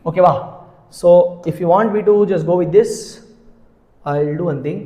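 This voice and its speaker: A man's voice: high voice, quick pace, a little mellow, lo-fi sound. A man with a South Indian accent teaching a live maths lesson, repeating himself and often checking with questions. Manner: repetitive, interactive, often asking check questions. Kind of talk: live exam-prep lesson, mixing English and Tamil. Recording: very echoey, reverberant room.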